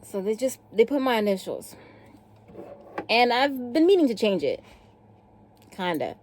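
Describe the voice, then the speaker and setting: A woman from South Africa telling a story casually to camera, animated, acting out the dialogue and swearing offhand. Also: a little high, measured pace, slight background noise. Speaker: vlogger.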